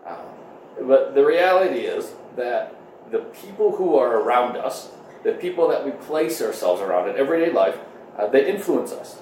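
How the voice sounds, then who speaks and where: A man in his thirties, a pastor giving a conversational sermon and prayer streamed online from home, pausing often with "uh". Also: medium pitch, animated, darkish tone, far from the mic, slight background noise. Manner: conversational, full of "uh" fillers. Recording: echoey room.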